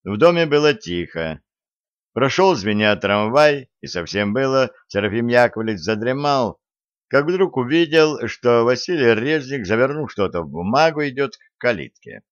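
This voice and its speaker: A man narrating an audiobook in a steady, measured way. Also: medium pitch, no room sound. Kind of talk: scripted narration. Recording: dry, slightly dull audiobook recording.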